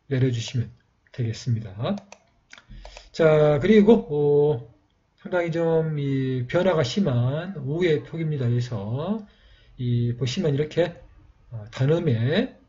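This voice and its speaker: A man teaching a step-by-step writing lesson, pausing often with fillers and repeating himself as he demonstrates each stroke. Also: mid-range voice, mellow, highs cut off. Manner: halting, with frequent fillers and repeated phrases. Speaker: calligraphy teacher.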